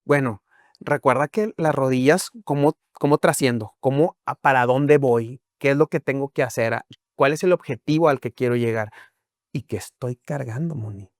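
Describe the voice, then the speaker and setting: A man's voice: mid-range voice, normal speed, no echo, clean studio sound. A man, a guest on a talk show, explaining his views with acted-out examples and rhetorical questions. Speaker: guest speaker on emotions and health.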